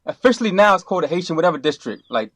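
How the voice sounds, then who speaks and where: A middle-aged man from Brooklyn, a podcast guest who talks in a relaxed, rambling way, full of restarts and you-knows. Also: high voice, racing, dry recording. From Brooklyn, New York. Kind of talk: casual interview.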